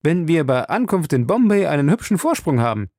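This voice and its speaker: An excitable young French manservant, as a male reader puts him on, chattering away with pride and ready indignation. The voice sits high and leaps widely in pitch, with a gravelly edge. The audiobook sound is dry and close. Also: brisk, no echo. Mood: chatty.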